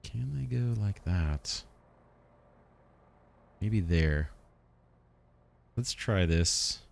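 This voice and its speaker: A man with a low, deep voice talks through his factory game as he plays. He muses out loud, unhurried, often asking himself questions as he works out his next step. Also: expressive, vocal fry. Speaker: let's play host. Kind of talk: thinking aloud while playing a strategy game.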